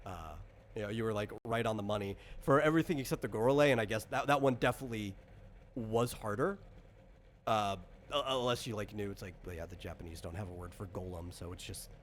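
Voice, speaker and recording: A fast-talking man with a lowish voice hosts a relaxed tabletop character creation session as the game designer, explaining things in a rambling manner and correcting himself. The recording is from an online voice call made on a computer, and the voice chat has clear background noise.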